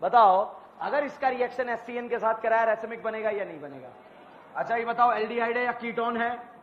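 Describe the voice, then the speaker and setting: A man teaching chemistry in an exam-prep lecture, firing questions at students and repeating each answer back to them, with bursts of shouted emphasis. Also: very high-pitched, moderate pace. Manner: quizzing students, repeating answers with call-and-response. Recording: echoey hall, muffled lo-fi sound.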